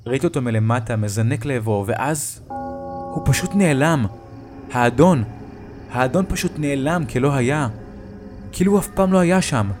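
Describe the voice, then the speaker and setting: A man telling a first-person creepy story in a tense, hushed retelling. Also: medium pitch, long pauses. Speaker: narrator. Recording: music bed behind the voice.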